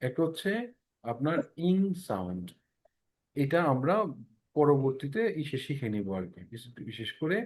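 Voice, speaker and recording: A man's voice: medium pitch, sing-song, normal speed, pauses often, darkish tone. Man teaching pronunciation in an online class. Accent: Bangladeshi Bengali. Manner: explanatory, asks students checking questions.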